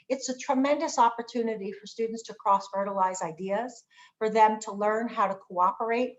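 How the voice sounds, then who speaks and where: Female academic presenter, mid-pitched, explanatory and hesitant, slightly muffled call audio. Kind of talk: informational presentation with frequent hesitations. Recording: dull lo-fi video-call audio.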